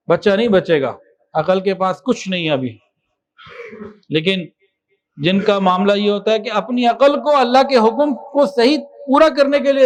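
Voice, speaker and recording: Man, high-pitched voice, impassioned sermon, swings between soft and loud. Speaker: preacher.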